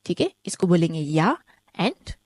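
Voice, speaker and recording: A woman teaching an online German lesson, explaining step by step, often checking with "ठीक है?", and saying each example word slowly twice. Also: fairly low pitch, very animated, a little mellow, breathy edge, no echo.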